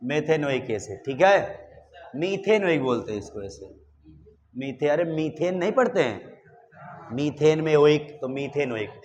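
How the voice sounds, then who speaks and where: A man's voice: on the high side, lively intonation, normal speed, darkish tone, dull audio, a little hiss or hum. A man teaching chemistry in a classroom lecture, coaxing his students with questions as he goes. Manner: coaxing, asks students questions and calls them "beta".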